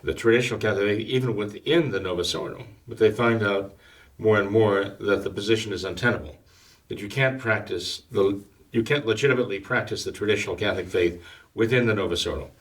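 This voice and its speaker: A priest with a fairly low voice talks through his views slowly and hesitantly, stopping often to restart his sentences. He sits a little back from the mic, so his voice sounds somewhat distant. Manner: measured, hesitant, full of fillers and restarts. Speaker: priest and guest. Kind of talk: casual talk-show discussion.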